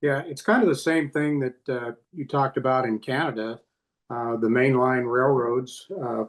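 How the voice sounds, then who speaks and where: A man from Idaho, a former state senator, answering on a panel with many pauses and fillers. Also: medium pitch, low-quality recording. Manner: halting, frequent "uh" fillers.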